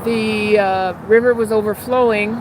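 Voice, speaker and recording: Here a Canadian woman in her fifties rambles chattily to her livestream viewers while strolling outdoors in a city by traffic and train tracks, holding her phone. Her medium-pitched voice stays fairly even and measured, with a slight breathlessness. Outdoor traffic noise runs underneath.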